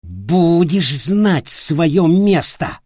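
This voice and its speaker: A man voicing a cruel, arrogant tall boy lord in an audiobook, shouting and hissing in fury. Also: medium pitch, sing-song, slow, slightly rough, dry recording, clean studio sound, full character voice. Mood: raging. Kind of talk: audiobook character voice.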